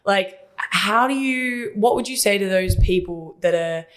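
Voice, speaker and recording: A woman's voice: mid-range voice, measured pace, a bit bright. An Australian woman hosting a podcast, chatty and rambling, who laughs often. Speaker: podcast host. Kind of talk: casual interview chat.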